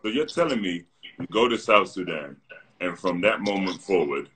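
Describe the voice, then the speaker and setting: A man's voice: sits low, animated, moderate pace, sharp tone, slight background noise. A man co-hosting a casual livestream chat on a phone video call, pushing back with follow-up questions. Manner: short reactions, teasing follow-ups. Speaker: co-host. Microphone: phone camera video call.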